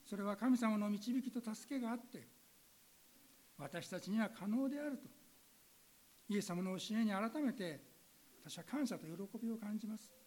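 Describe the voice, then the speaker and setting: A woman's voice: mid-range voice, expressive, normal speed, pauses often, a little mellow, low-quality recording. A woman pastor giving an earnest sermon that asks her listeners direct questions, then leading a spoken prayer.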